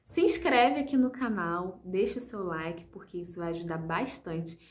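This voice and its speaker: A woman's voice: lowish voice, animated, moderate pace. A woman explaining step by step how to lead children's ministry, talking directly to viewers in a patient, encouraging way with many fillers. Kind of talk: instructional video talk.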